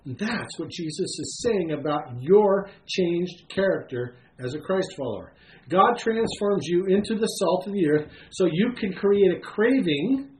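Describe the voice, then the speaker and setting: A man preaching a sermon, his voice sitting a little higher than most and swinging widely in pitch as he presses each point. He pauses often and fills the gaps with soft fillers. The room around him rings with echo, over a faint hiss. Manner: animated preaching with frequent "uh" fillers and emphatic pauses. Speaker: pastor.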